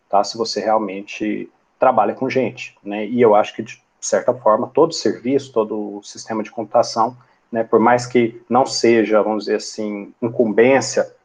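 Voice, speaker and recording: A man's voice: mid-range voice, a little mellow, breathy edge. A man, teaching a class and explaining step by step, checking in with the listener often. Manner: explanatory, many tag questions like "né" and "tá". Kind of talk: lecture.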